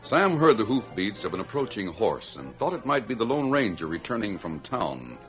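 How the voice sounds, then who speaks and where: A male announcer narrates a vintage radio western. His pitch moves in lively sweeps, with music clearly playing behind him on a dull recording. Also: normal speed. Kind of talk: scripted old-time radio western narration.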